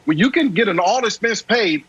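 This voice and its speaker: A man with a husky, fairly high voice makes a steady, persuasive sports argument. His audio comes through a dull, muffled remote line. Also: moderate pace, no room sound. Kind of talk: sports debate.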